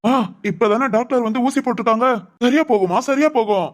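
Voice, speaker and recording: A woman's voice: a little high, brisk, lightly acted. A woman voicing a ranting, stubborn cartoon son. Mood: indignant. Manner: indignant, ranting and insistent. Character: hot-headed adult son, protective and stubborn. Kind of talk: Tamil family cartoon voice acting.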